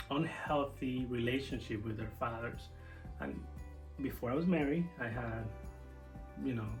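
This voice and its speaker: A man's voice: medium pitch, rough recording. A young man from Venezuela talking casually to camera about parenting, earnest and reflective, often restarting his sentences. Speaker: co-host of a family channel.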